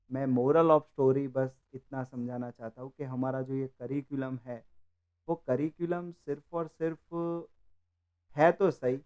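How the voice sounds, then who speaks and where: A man who runs a coding course persuasively explains his training while walking through projects on his screen in a screen-share. His mid-range voice has a dark tone, and the audio is dull.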